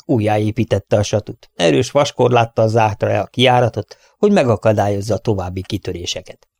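A man reading an audiobook in steady, measured narration on a close studio mic. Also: mid-range voice, gravelly, dry recording. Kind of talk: scripted narration.

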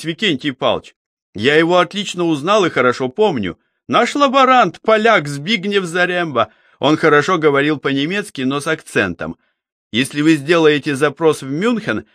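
A man voicing a witty, sociable young male chemist who speaks with animated, emphatic exclamations in an audiobook. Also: medium pitch, no echo, clean studio sound.

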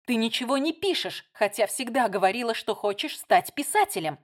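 A woman's voice: on the high side, lively intonation, a little fast. A woman reading a novel aloud, voicing a heated, insistent younger sister.

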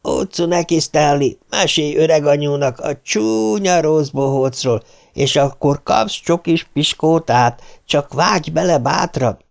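A man reading an audiobook, voicing a boy who mimics a cackling old granny in a high falsetto. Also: creaky. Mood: teasing.

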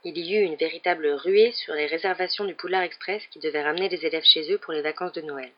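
A man's voice: fairly even intonation, fast talker. A man reading a children's fantasy novel aloud as scripted narration, lifting his voice for the characters' lines. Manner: reads all the characters with raised pitch for quoted lines. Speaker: audiobook reader. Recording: dull lo-fi recording.

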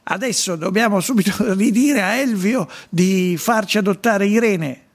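Raspy, gravelly male radio host. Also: sits high, normal speed. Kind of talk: casual radio chat. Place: radio studio.

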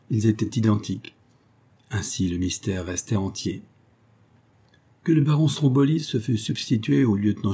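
A man narrating an audiobook in a measured, even storytelling manner. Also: lowish voice, slightly rough. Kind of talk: scripted narration.

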